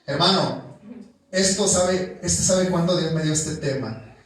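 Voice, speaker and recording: A young man with a Mexican accent preaches in a storytelling way, calling out to his listeners as brothers as he goes. His voice sits a little high for a man. It rings out in a very echoey church room, picked up from some way off the mic. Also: slow, far from the mic. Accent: Mexican Spanish. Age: young adult. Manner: storytelling, calls the congregation "hermano" constantly. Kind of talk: sermon. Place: church hall.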